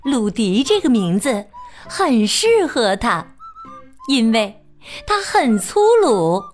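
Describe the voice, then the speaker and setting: Brief: female storyteller, unhurried sing-song read-aloud, bouncy swooping pitch. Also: soft background music. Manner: slow, expressive and sing-song. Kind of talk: children's picture-book read-aloud.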